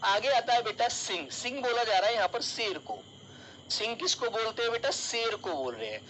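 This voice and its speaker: A man's voice: high-pitched, expressive, normal speed, fairly bright tone, slight background noise, rough recording. A male teacher giving an online exam-prep lesson, calling his students child and dear and explaining with everyday examples.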